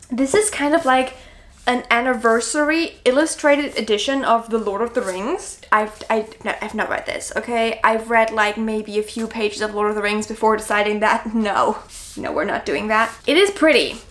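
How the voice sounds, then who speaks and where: In her own video, a book vlogger with a somewhat high, fairly bright voice chats informally to camera. She gushes effusively over the books she enjoys and jokes at her own expense. Background noise and clicks are distinctly heard.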